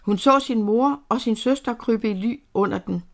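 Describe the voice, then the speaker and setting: A woman narrating a novel aloud in a steady, measured storytelling manner. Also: fairly high pitch. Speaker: audiobook narrator.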